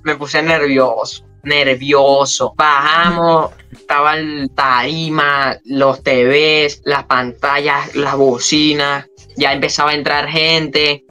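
A man's voice: a little high, slow, clean tone, soft background music. A man, a freestyle rapper guest, telling a story casually and acting out the dialogue. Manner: animated, retells scenes with quoted dialogue.

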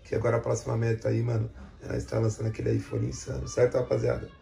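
A man's voice: medium pitch, big pitch swings, fast, creaky, warm tone, slight background noise. A man from Brazil hosting a casual vlog chat, slangy and plugging a sponsor link, tagging lines with "certo, rapaziada?". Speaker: host.

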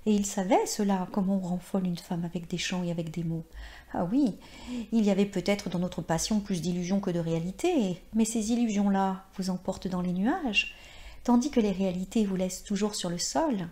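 A woman's voice: medium pitch, normal speed, darkish tone, close to an everyday voice. A woman voicing a dreamy, passionate former actress of sixty-nine in a read-aloud short story. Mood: wistful.

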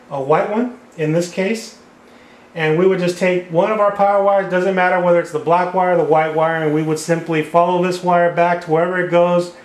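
Man explaining wiring at a whiteboard. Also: high-pitched. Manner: plain step-by-step explaining while drawing. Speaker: HVAC repair instructor. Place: indoor room at a whiteboard table. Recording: echoey room sound.

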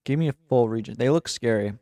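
A man's voice: medium pitch, fast talker, warm tone, no echo, studio quality. A young man casually commenting while playing a game, chatty and laughing at himself. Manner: chatty, laughing, self-mocking. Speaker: gaming channel host.

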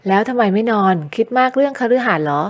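A woman's voice: fairly high pitch, expressive, fast talker, lightly acted. A woman voicing a brusque, short-tempered young man who fires blunt, scolding questions in an audio novel. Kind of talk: audiobook character voice.

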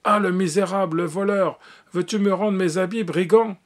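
A man's voice: fairly high pitch, normal speed, lightly acted. A man reading the lines of a good-humored young Russian man, with exclaims and hesitant fillers. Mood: indignant.

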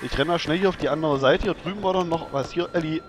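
A man's voice: on the high side, fast talker, noisy background. A man hosting a let's play, giving casual gaming commentary in a chatty way and talking both to himself and to the game character.

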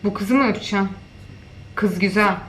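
A woman hosting a casual reaction video, talking in an animated, joking way full of exclamations and mock outrage. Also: medium pitch, fairly quick.

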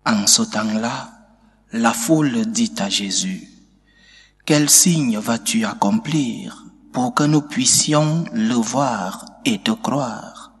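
A priest with a mid-pitched male voice recites liturgical prayers at an unhurried, measured pace. His words ring out through a long church reverb, with a solemn, steady delivery. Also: breathy edge. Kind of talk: liturgical prayer and gospel reading.

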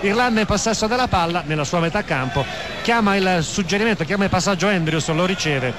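A man's voice: sits high, quick pace, crowd noise, background noise. A man giving live play-by-play football commentary on the radio. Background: stadium sound, music.

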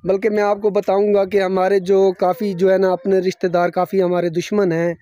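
Young male vlogger, high but mellow voice, earnest and devout, outdoor phone recording. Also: monotone, fairly quick, no room sound, lo-fi sound. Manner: earnest, devout, many religious phrases. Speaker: family vlogger. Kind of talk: casual vlog narration. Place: outdoors at a rural building site.

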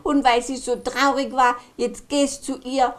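A woman's voice: sits high, little pitch movement, measured pace. A woman with an Austrian German accent voicing Kasperl, a merry male puppet jester, chatting to the children in a puppet show. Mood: chatty. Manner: chatty, talks to the children in the audience.

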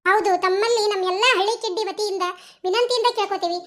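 A channel creator with a North Karnataka Kannada accent speaks straight to the viewers. The voice sits extremely high, and the tone is bright and sharp. The delivery is earnest and pleading, with a light laugh running through it. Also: steady tone, fast. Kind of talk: direct appeal to viewers.

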